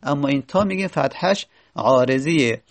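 A man giving a grammar lesson, patiently repeating word forms and slowly dragging out their syllables. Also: medium pitch, animated. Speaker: teacher.

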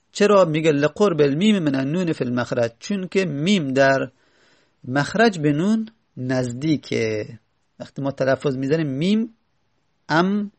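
A man teaching a grammar lesson, methodical and patient, repeating example words slowly to drill them. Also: fairly high pitch, gravelly. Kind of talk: Arabic grammar lesson explanation.

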